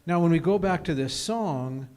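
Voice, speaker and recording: A man's voice: a little high, expressive, moderate pace, a little mellow. Thoughtful man leading a Bible study. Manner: thoughtful, reasons aloud with many "uh"s; reads scripture aloud with rising emphasis. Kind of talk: group Bible study discussion.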